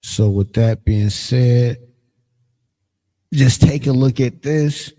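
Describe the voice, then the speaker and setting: Slow, mellow-voiced man teaching a class. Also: medium pitch. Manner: casual, halting explanations with frequent ums. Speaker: Hebrew language teacher. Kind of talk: livestreamed class lesson. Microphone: streaming setup, screen sharing.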